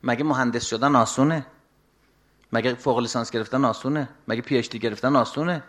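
A middle-aged man preaching a religious sermon, moving between soft, confiding asides and raised, urgent exhortation. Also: medium pitch, steady tone.

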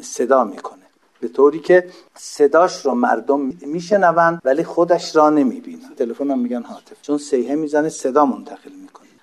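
A man giving a religious lesson, reciting Arabic phrases slowly and then explaining them plainly, with rhetorical questions to his listeners. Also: on the high side. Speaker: religious teacher. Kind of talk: explanatory lecture on Arabic text.

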